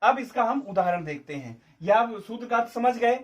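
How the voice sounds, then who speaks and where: A man's voice: very high voice, animated, normal speed, recorded from a distance. A man teaching a Sanskrit grammar lesson for exam prep, explaining step by step and asking and answering his own questions.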